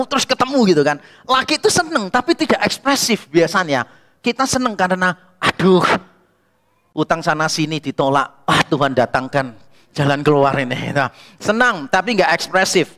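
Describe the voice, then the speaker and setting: Animated pastor preaching in a reverberant hall. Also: male voice, high voice. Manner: animated storytelling, acts out quoted people. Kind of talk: expository sermon.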